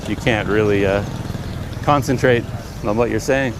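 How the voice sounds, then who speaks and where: With a fairly low voice, a Canadian travel vlogger chats to his camera while walking a bustling market, pausing often and filling gaps as he thinks aloud. Street noise surrounds the camera mic, along with traffic and trucks going by.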